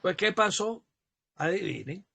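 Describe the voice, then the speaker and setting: Male pastor teaching scripture, high, raspy-edged voice, emphatic repetition. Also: animated, sharp tone. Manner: slow, emphatic, repeating key phrases. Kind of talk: Bible teaching sermon.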